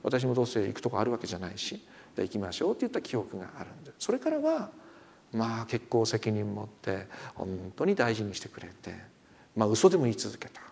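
A man's voice: fairly low pitch, brisk, creaky. A middle-aged man, a pastor, preaching a sermon and telling stories, acting out the quoted speech of the people in them. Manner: animated storyteller, acts out quoted speech. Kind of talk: sermon with storytelling.

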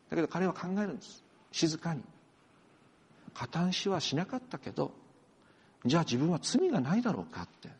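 A man preaching a sermon as a pastor, animated and moving between soft, quiet passages and emphatic ones. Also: a little high, slightly rough, big-room sound. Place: church.

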